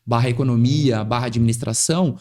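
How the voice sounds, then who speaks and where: A man's voice: mid-range voice, fairly even intonation, fairly quick, dark tone. A man with a São Paulo accent, a tax lawyer guest on a podcast, speaking articulately and wittily and often adding "né". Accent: São Paulo Portuguese. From São Paulo, Brazil. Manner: articulate, witty, rhetorical, frequent tag "né". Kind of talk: podcast interview.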